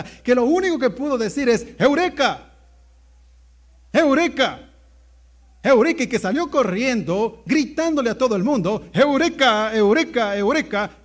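A man with a high voice preaches to his congregation. He tells a story and moves from hushed, low asides to loud, ringing exclamations. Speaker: pastor. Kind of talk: sermon.

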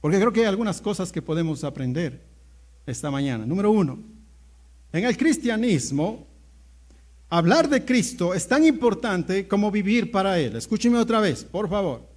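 A man with a high voice preaches to his congregation. He tells a story and moves from hushed, low asides to loud, ringing exclamations. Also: sing-song, moderate pace. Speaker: pastor. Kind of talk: sermon.

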